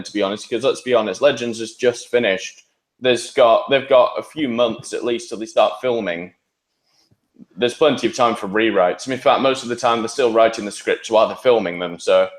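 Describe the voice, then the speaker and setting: A man's voice: mid-range voice, moderate pace. Man chatting casually in an echoey room. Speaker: podcast panellist. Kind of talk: casual chat about TV shows. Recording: roomy, echoing sound.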